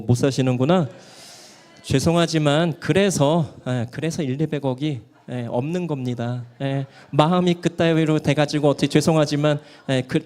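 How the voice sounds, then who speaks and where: A pastor preaching in a lively sermon. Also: male voice, a little high. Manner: lively preaching, asks the congregation questions and answers them; acts out quoted grumblers in short put-on voices. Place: church sanctuary.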